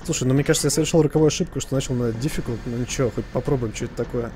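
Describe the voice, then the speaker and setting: A man's voice: mid-range voice, very fast, background noise. A man doing casual live commentary as a scared horror game streamer, jumpy and slangy, joking and swearing as he tells stories. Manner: joking storyteller, slangy and profane.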